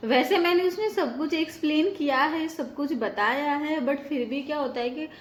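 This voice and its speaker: A fairly high-voiced woman chats to her viewers at home, filling her explanations with small pauses and fillers. The room around her is noticeably echoey. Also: slight background noise. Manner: chatty, explains with many fillers. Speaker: vlogger host. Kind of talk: casual vlog chat. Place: home balcony.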